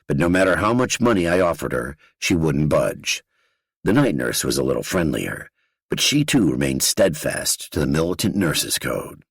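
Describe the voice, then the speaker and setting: A man's voice: very deep voice, big pitch swings, moderate pace, slightly rough, no room sound, clean studio sound. A man narrating a first-person true crime audiobook in a blunt, gritty, profane storytelling manner.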